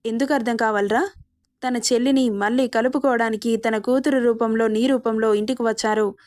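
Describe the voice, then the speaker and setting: Brief: woman reading a reproachful mother scolding her son, fairly high voice. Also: steady tone, moderate pace, no echo, studio quality, lightly acted. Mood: bitter reproach. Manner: reproachful, sharp.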